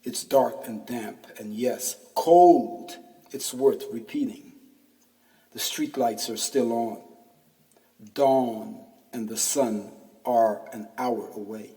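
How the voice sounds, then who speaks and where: Heard far off in an echoing room, a man in his 50s slowly reads aloud a first-person essay he wrote, wry and packed with street slang. The podcast narrator has a mid-range, dark-toned voice.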